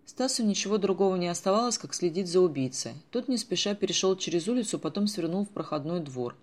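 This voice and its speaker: A man narrating a children's adventure audiobook in a measured storytelling manner. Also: sits high, expressive. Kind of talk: scripted narration.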